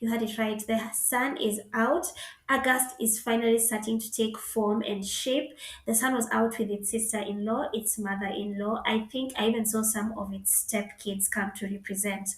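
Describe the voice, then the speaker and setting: Her voice runs on the high side, bouncing around an echoey room. She's a podcast host in her thirties with a Kenyan accent, keeping her solo show chatty and playful and tossing in jokes along the way.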